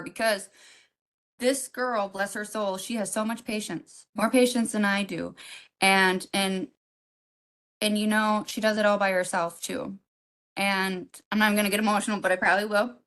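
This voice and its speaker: A woman's voice: mid-range voice, a bit bright. Middle-aged woman, podcast co-host; rambling, emotional storyteller with frequent fillers and restarts. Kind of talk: casual heartfelt storytelling.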